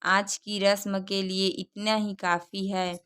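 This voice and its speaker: A kind, affectionate mother-in-law speaks gently in a storybook tale, voiced by a woman reading it. Her tone is sweet and unhurried. The voice is clear and bright with little rise and fall. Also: medium pitch, level tone.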